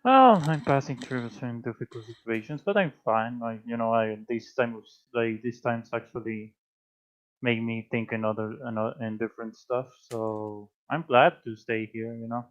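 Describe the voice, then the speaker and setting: A man's voice: mid-range voice, moderate pace. Hesitant man, dull audio. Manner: quiet, hesitant.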